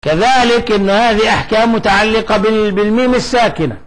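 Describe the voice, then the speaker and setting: Male recitation teacher, high-pitched, quizzing the class and demonstrating letter sounds. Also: fast talker, low-quality recording. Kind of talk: tajweed lesson to students.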